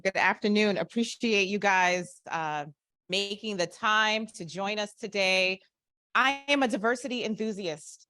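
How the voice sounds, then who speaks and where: A woman's voice: on the low side, a bit bright, no room sound, studio quality. A woman presenting a live business workshop, upbeat and engaging, asking her audience questions. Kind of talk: interactive live workshop talk. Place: conference room with live and online audience.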